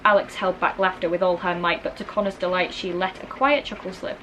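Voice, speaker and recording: With rain pattering in the background of a noisy recording, a woman narrates a children's novel as a storybook reader. Her voice sits lowish, her tone stays steady, and she moves briskly.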